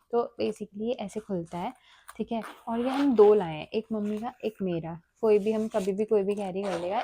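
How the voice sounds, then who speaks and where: A woman's voice: mid-range voice, warm tone. Chatty young female vlogger talking to viewers, phone mic, noisy street. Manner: chatty, bubbly, addresses viewers directly. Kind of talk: casual vlog chat. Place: city streets, shops and home. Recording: noisy street and shop sound.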